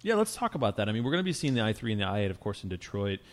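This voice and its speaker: A man hosting a casual car talk show, telling stories in a relaxed, rambling way with many restarts. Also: on the low side, rapid-fire. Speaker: podcast host.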